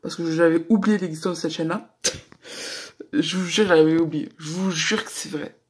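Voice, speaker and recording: Husky rambling young guy. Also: a little high, fairly even intonation, moderate pace. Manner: rambling, slangy, swears a lot. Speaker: reaction YouTuber. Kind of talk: casual reaction commentary.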